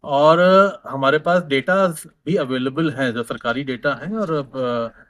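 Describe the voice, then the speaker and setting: A man's voice: medium pitch, takes it slowly, fairly bright tone. A man, a government official, answering press questions in an explanatory way, with many fillers and restarts.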